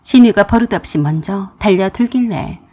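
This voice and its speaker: A young adult woman narrating a dramatized story in an expressive, emphatic storytelling manner. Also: mid-range voice, normal speed.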